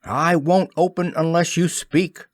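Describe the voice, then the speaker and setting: A man's voice: sits high, huge pitch swings, slow pace, no echo, voice pushed up, full character voice. A man voicing a proud, brave boy who never grows up, speaking eagerly and boldly in an audiobook. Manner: boyish, eager and bold. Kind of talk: audiobook character voice.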